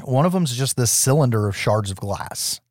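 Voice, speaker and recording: A man's voice: medium pitch, animated, normal speed, a little mellow, no room sound, clean studio sound. A man co-hosting a podcast, telling a film's scenes in casual, profane language. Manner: profane, informal storytelling. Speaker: podcast co-host. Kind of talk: casual scene-by-scene film recap.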